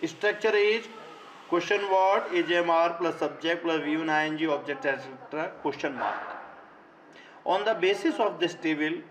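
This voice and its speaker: A middle-aged Indian-accented male teacher talks a class through a grammar lesson. He speaks very slowly, in deliberate dictation-like phrases, and his voice sits a little high for a man. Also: background noise. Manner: slow, deliberate, dictation-like; switches between English and Hindi. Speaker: school teacher.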